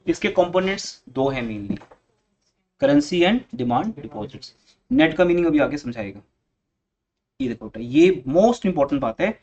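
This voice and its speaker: A man teaches economics to a class, stopping to correct and scold his students as they read aloud. His voice sits fairly high. The recording is dull and lo-fi, as if made in the classroom. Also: darkish tone. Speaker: commerce teacher.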